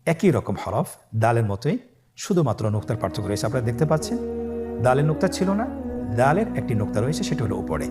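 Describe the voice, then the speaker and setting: A man teaching Arabic letters for Quran reading step by step, calm and patient, with a Bangladeshi accent, drawing out each letter sound for listeners to repeat. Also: mid-range voice, fast talker. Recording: voice over background music.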